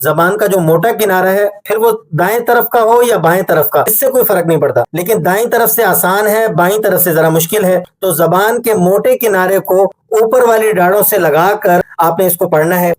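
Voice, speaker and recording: A man teaching Quran recitation in a patient, explanatory way, slowing down to demonstrate each sound. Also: high-pitched. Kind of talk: tajweed lesson.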